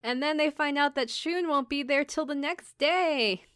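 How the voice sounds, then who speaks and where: A woman with a high-pitched, fairly bright voice speaks a little slowly, recorded at studio quality with no room sound. She's a podcast host giving a casual, chatty recap, acting out characters' lines in passing and adding wry commentary.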